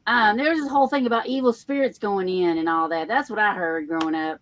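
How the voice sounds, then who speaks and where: A woman's voice: mid-range voice, quick pace, a bit bright, no room sound. A woman from Tennessee, chatting in a live group call and laughing as she tells what she heard growing up. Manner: chatty storyteller, laughs mid-sentence. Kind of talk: casual group chat.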